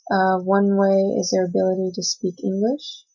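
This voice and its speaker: A young adult woman from the United States, a Cantonese speaker first, delivers an oral presentation in class, often hesitating as she reads notes. Her mellow, mid-range voice is completely flat, moving at a moderate pace, and the recording is dull lo-fi.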